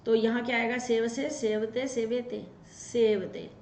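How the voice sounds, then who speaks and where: A woman teaching a Sanskrit grammar lesson, reciting verb forms in quick drills and coaching her students. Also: on the high side, level tone, a little mellow. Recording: roomy, dull lo-fi sound with faint noise.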